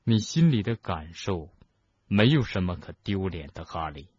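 A man voicing a calm, gentle old headmaster who speaks softly and slowly, in an audiobook. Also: slightly rough, no room sound, dull audio, heavily acted. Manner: soft, low, slow and soothing.

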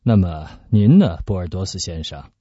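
Man doing a scheming cardinal, low dark voice, husky, measured, dull lo-fi sound. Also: expressive, no room sound. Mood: commanding. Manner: measured, dismissive. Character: cold scheming male cardinal, powerful. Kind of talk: radio storytelling. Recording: dull lo-fi recording.

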